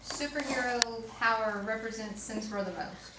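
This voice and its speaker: A woman's voice: on the high side, normal speed. A woman teacher, questioning her students in class with short encouraging checks. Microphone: distant camera mic. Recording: echoey classroom, distant mic, noisy.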